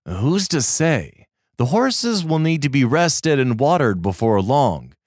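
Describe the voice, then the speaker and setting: A man's voice: mid-range voice, big pitch swings, takes it slowly, no room sound, clean studio sound. A man growling as a grumbling lanky traveler. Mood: weary. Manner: growling, complaining.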